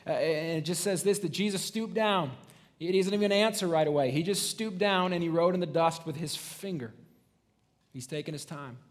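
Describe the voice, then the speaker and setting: A man's voice: on the high side, moderate pace. A man preaching a sermon as a pastor, talking casually with frequent "right?" tags and restarts, and acting out the voices of people in the story.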